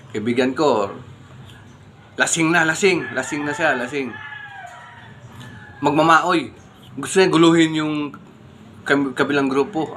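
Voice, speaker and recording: Bright-voiced man vlogging casually. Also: mid-range voice, a little hiss or hum. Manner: conversational, keeps saying "guys", rhetorical questions. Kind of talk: casual morning vlog talk.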